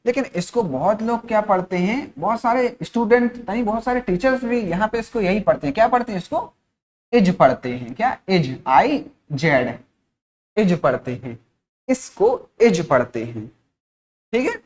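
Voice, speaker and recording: A man from India teaching a spoken-English lesson. He asks and answers his own questions, repeats words slowly, and keeps checking in with his students. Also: sits high, expressive, a little mellow. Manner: frequent checking-in tag phrases.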